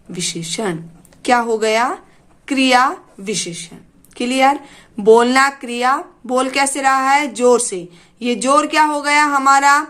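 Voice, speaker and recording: A woman's voice: high-pitched, bright, forceful tone. A woman teaching a grammar lesson to students. She asks questions, answers them herself, addresses the students fondly and keeps checking that they understood. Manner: keeps asking "clear?".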